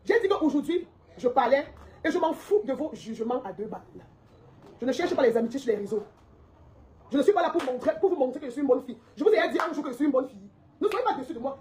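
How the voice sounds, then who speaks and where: A woman's voice: high voice, darkish tone, slight background noise. A woman delivering a heated, confrontational social media rant, repeating her points and laughing mockingly.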